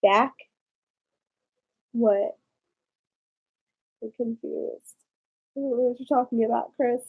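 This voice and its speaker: A Maryland woman with a local accent rambles casually to viewers on her live stream as a vlogger. Her voice is fairly high, husky and narrow, she speaks slowly, and the audio sounds tinny.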